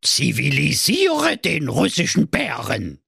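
A man voicing an old witch who speaks slowly and deliberately in a sing-song tone. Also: on the high side, huge pitch swings, creaky, bright, forceful tone, husky, no echo, studio quality, voice pushed up, exaggerated voice.

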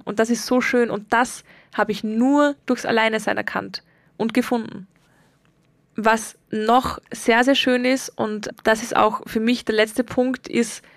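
A woman's voice: on the high side, dry recording, clean studio sound. A young woman, hosting a personal podcast and talking in an earnest, reflective way, stretching words for emphasis. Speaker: podcast host.

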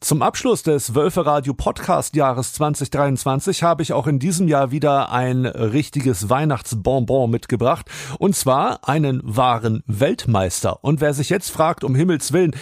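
A man's voice: mid-range voice, normal speed, no room sound, clean studio sound. A man hosting a fan podcast, introducing and interviewing a guest in a friendly, chatty way. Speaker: podcast host.

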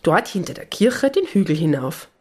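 A woman's voice: fairly low pitch, very animated, normal speed, husky. A woman voicing a cheerful little female Christmas elf in a children's story. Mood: bright.

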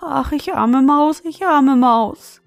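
A woman's voice: high-pitched, a little slow, darkish tone, no room sound, soft background music, voice pushed up. A woman voicing a whiny, hungry female mouse who pleads and wails in a storybook reading. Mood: pleading. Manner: wailing, pleading and sobbing.

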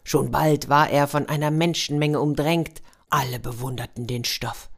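A woman narrating a fairy tale in a lively storytelling manner. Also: sits low, moderate pace. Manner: warm, lively storytelling with sound effects.

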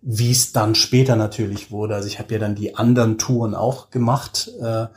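An audio drama director tells anecdotes as an interview guest, speaking casually, colloquially and self-deprecatingly, and acting out the remarks he quotes. His pitch is fairly low, his tone steady, his speed normal.

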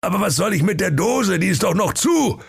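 A man voicing a gluttonous, bossy old fairy-tale king who shouts his demands. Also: sits high, expressive, fairly quick, creaky, slightly rough, soft background music, pitched above the performer's own voice, full character voice. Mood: whining.

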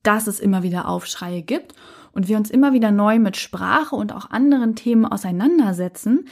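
Brisk and darkish in tone at a medium pitch, a woman from Saxony-Anhalt, Germany, talks through a thoughtful solo podcast episode. She speaks earnestly while hesitating often.

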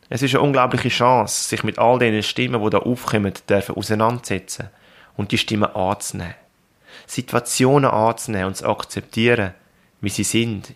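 A man with a Swiss German accent, calmly narrating a reflective podcast and coaching the listener directly. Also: on the low side.

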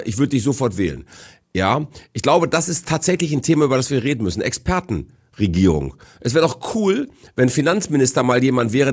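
A man's voice: mid-range voice, breathy edge. A middle-aged man as a podcast guest, talking assertively and in a lecturing, declarative way. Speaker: guest, business speaker. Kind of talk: casual podcast conversation.

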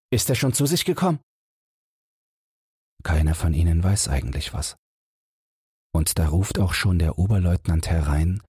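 Deep husky bedtime audiobook narrator, a man. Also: no room sound, clean studio sound. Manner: measured, gentle, unhurried storytelling. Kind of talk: calm bedtime audiobook reading.

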